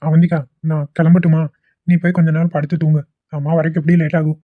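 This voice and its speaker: Cartoon: flat-voiced, quick young husband, a man voicing him, caring, tinny dry recording. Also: fairly high pitch, no echo, natural voice. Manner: concerned, coaxing. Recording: tinny, dry phone-like audio.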